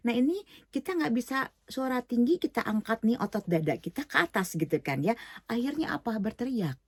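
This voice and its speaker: A middle-aged woman teaching an online singing lesson, explaining slowly with many fillers and English words mixed in. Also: a little high, sing-song, husky, no room sound, studio quality.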